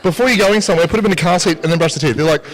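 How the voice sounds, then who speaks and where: A jokey man in his thirties hosts a casual conference chat with a fairly high-pitched voice. He laughs easily and often stumbles into restarts. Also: very fast, poor audio. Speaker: livestream host interviewer.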